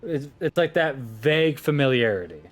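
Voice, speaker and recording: A man's voice: mid-range voice, expressive, normal speed, soft background music. A man running a tabletop game as game master, apologetic and laughing, often stumbling over his words.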